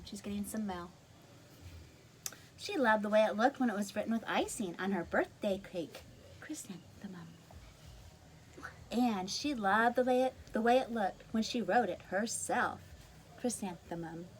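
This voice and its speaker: A woman reading a picture book aloud to young children, gently explaining words and adding asides. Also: mid-range voice, expressive, normal speed, slight background noise.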